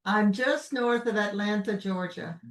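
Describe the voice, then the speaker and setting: A woman with a Brooklyn accent hosts a casual conversation. She sounds a bit far from the microphone, in a room with clear echo. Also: medium pitch, unhurried. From Brooklyn, New York. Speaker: podcast host. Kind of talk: casual chat. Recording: roomy echo, distant from mic.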